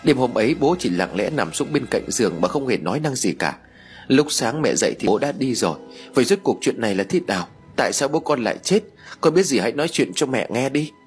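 A man's voice: medium pitch, very animated, a little fast, soft background music, close to an everyday voice. A man voicing a grieving young mother who speaks in a pleading, tearful way. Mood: sorrowful.

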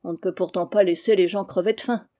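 A woman's voice: mid-range voice, steady tone, fast, warm tone, natural voice. A woman reading aloud, voicing a stout, shrewd male barkeeper with brusque, commanding calls.

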